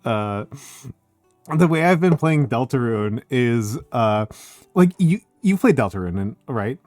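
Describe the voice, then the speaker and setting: Animated, rambling man in casual stream chat. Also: medium pitch, a little slow, no room sound, soft background music. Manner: excitable, rambling, frequent laughing and filler "like".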